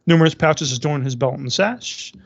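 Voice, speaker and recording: A man's voice: on the high side, moderate pace, no room sound. A man narrating a tabletop game as game master, moving between hesitant improvising and reading out prepared description. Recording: dull, dry, lo-fi voice-chat sound.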